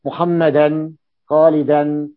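A man's voice: a little high, little pitch movement, takes it slowly, no room sound. A man teaching a classical grammar lesson, repeating key terms and asking his students checking questions. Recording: dull lo-fi dry recording.

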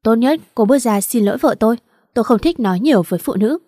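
A woman's voice: lively intonation, fast talker, dark tone, no room sound, clean studio sound. Woman voicing a cold menacing young man. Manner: low, cold threats. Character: cold, dangerous young man, armed and protective.

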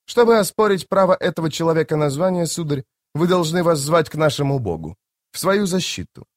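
A man's voice: a little high, animated, fairly quick, dry recording, pitched above the performer's own voice, close to an everyday voice. A male audiobook reader voicing a stern, formal knight commander who speaks in clipped phrases. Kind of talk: audiobook character voice.

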